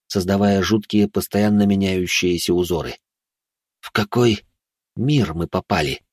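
Male audiobook narrator, low husky voice, hushed ominous storytelling, dry close sound. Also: dry recording.

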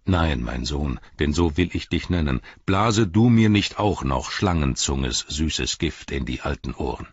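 A proud old warrior king speaks slowly and gravely in a very deep, husky voice, as a male narrator puts him on. It sounds dry and close, with slightly dull sound. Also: expressive, no echo, full character voice.

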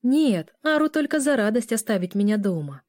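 A woman voicing a weary young pregnant student who complains softly. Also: a little high, big pitch swings, normal speed, no room sound, clean studio sound, pitched above the performer's own voice.

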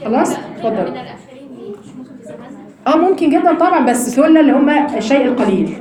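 A woman with an Egyptian accent teaching a Quran lesson to women, explaining quickly and slowing down to recite verses. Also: sits high, crowd noise. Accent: Egyptian Arabic. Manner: fast, animated explaining, slows for recitation. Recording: echoey room.

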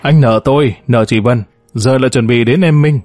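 A man calmly reading a first-person story aloud, voicing every character in his own even tone. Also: mid-range voice, moderate pace, dry recording, soft background music. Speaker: audiobook narrator.

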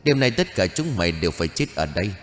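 A man's voice: low-pitched, big pitch swings, fast, fairly bright tone, long reverb tail, soft background music. A man voicing a sinister, vengeful possessed child demon, speaking in cold, threatening taunts. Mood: menacing.

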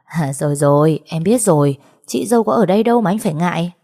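A woman's voice: fairly low pitch, expressive, quick pace, dark tone. A woman voicing a cheeky young male junior investigator who talks in a chirpy, teasing way.

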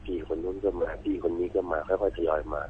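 A man's voice: deep voice, little pitch movement, fast, phone-quality sound, slight background noise. A man calling in to a radio show and telling a personal ghost story in a rambling, casual way, sometimes acting out what others said. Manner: rambling, acts out quoted voices. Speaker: caller.

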